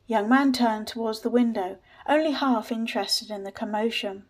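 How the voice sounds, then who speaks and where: A woman narrating a story in a steady, measured reading voice. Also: a little high.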